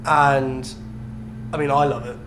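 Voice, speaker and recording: In an unhurried, medium-pitched voice with little pitch movement, a young British co-host chats casually on a podcast. Echo and a clear hum color the recording.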